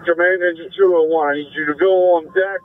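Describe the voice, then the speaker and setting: A man's voice: a little high, fairly even intonation, fairly quick, slight background noise. A man giving urgent, terse orders as a fireground incident commander over a two-way radio. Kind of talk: fire radio traffic. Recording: tinny band-limited emergency radio.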